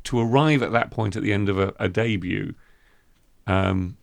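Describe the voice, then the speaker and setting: Gravelly low-voiced male podcast host. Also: moderate pace, no room sound. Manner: thoughtful, restarts often. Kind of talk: literary discussion.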